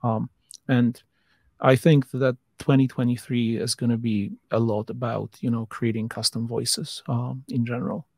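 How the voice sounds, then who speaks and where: Man, podcast panel guest, gravelly voice, repeats and restarts phrases. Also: mid-range voice, level tone, a little slow, a little mellow, no room sound, studio quality. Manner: thinks aloud with many restarts and fillers. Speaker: podcast guest, voice tech company founder. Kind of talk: casual panel discussion.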